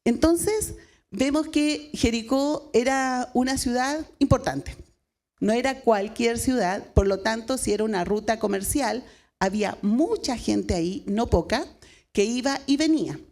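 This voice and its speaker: A woman's voice: fairly high pitch, a little slow, darkish tone. A woman pastor with a Chilean Spanish accent preaching a sermon, retelling a story and asking the congregation questions.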